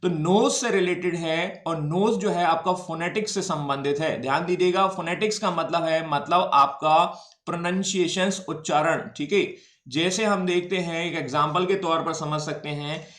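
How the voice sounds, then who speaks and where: Guy teaching history for exam prep, kinda high voice, keeps asking if you get it, echoey room. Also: moderate pace, a bit bright. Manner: explains step by step, switches between Hindi and English, asks if students follow.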